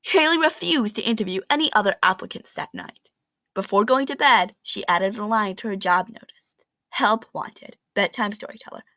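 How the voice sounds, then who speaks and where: A woman reads a children's picture book aloud with no room sound, her voice at medium pitch and normal speed. Her storytelling is expressive and animated, with dramatic emphasis.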